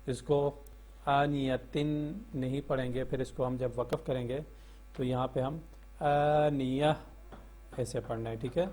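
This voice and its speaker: A male Quran teacher who hosts a channel, chanting letter-by-letter recitation slowly and explaining the rules in quick speech. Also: a little mellow. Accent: Pakistani Urdu. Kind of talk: Quran reading lesson with chanted spelling. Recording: low electrical hum.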